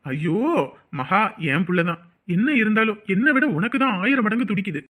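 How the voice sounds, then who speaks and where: A man's voice: high voice, expressive, brisk, fairly bright tone. A man voicing a weary, dismissive middle-aged father in a cartoon drama. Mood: placating. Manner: brushing off, placating.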